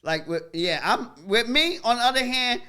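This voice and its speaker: A man's voice: very high voice, expressive, normal speed, crowd noise. A man co-hosting a podcast in casual chat, echoing his wife's words and laughing often. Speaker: podcast co-host.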